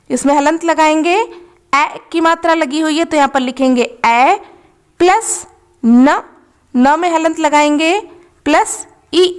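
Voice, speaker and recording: High-voiced woman teaching step by step. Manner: patient, slow, spells out letters one by one. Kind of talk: worksheet lesson.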